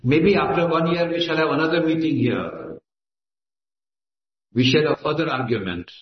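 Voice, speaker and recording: A man speaking at normal speed in a fairly high voice delivers an emphatic, impassioned speech at a meeting. He has an Indian accent and Gujarati is his native language. The assembly hall makes the lo-fi recording echoey.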